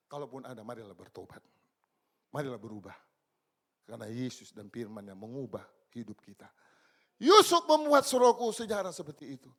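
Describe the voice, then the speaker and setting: A man in his sixties preaching a church sermon, swinging between loud exclamations and low, quiet asides. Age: 60s. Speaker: pastor. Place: church service.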